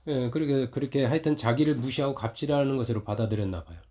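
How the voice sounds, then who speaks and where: Middle-aged pastor guy preaching casually, storytelling, gets loud when he tells the fight, mid pitch. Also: fast talker. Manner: storytelling, rising loud when retelling conflict. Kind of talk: conversational sermon.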